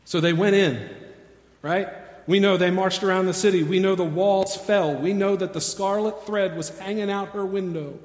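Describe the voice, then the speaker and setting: A man's voice: steady tone, normal speed. Preacher man in an echoey church hall. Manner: builds from low and quiet to shouting and urgent. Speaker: pastor. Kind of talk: sermon.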